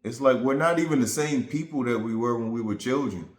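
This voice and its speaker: A man's voice: mid-range voice, a little fast, echoey room. A man vlogging to his viewers, talking through a relationship hurt in a reflective, rambling, earnest way. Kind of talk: casual vent to camera.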